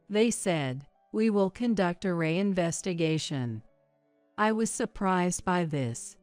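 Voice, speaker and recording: Casting: woman narrator, low and dry, with soft music under her. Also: no echo. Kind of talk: scripted narration.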